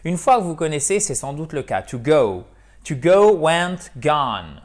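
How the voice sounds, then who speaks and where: Man teaching English, chatty. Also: on the high side. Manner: lively, repeats words slowly, asks ok?. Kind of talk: casual video lesson.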